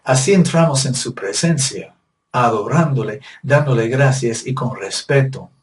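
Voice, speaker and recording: A man's voice: mid-range voice, a little slow, distant mic. A male preacher giving a sermon, emphatic and repetitive, with rhetorical questions.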